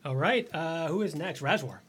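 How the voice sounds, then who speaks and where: A man narrating a tabletop game as game master, lively and quick to laugh, mimicking crowd gasps and whispers. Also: a little high, slight background noise.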